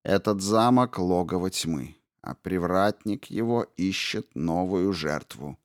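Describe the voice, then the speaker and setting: A man voicing an old witch who was once a fairy queen, bitter and guarded, in a hushed, slow, menacing tone for an audiobook. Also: low voice, expressive, dry recording, studio quality. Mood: guarded, weary. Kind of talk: audiobook character reading.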